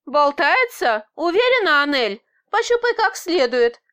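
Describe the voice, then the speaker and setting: A woman's voice: high voice, slow pace, fairly bright tone. A woman voicing a sarcastic, capricious male boss trapped in a woman's body, snapping and mocking in an audiobook.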